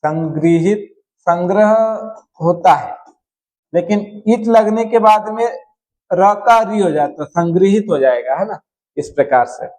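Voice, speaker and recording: A man's voice: sits high, lively intonation, measured pace, a little mellow, poor audio. A man teaching a Hindi spelling lesson, going through words one at a time and often checking in with his students. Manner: explains word by word, often checks in with "है ना". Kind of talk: slow spelling-correction lesson.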